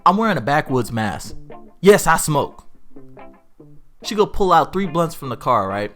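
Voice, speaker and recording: A man telling a funny online story aloud in a casual, animated way, getting higher and louder at the wild parts. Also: brisk. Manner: lively, swings from low to high and loud when excited. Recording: faint music behind.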